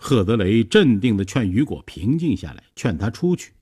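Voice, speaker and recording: Husky-voiced male storytelling narrator. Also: fairly low pitch, big pitch swings, moderate pace, mellow.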